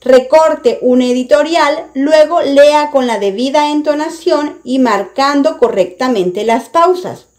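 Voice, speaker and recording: A woman teacher reading a scripted lesson, deliberate and clear. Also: sits high, darkish tone. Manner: slow, deliberate, reads each term out clearly.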